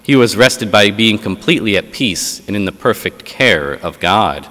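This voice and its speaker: A priest with a somewhat low voice reads the gospel and then preaches, pausing on filler sounds as he gathers his thoughts. His words hang in the long echo of a large church. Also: animated, bright, forceful tone. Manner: measured reading, then unscripted preaching with frequent uh fillers. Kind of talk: gospel reading and homily.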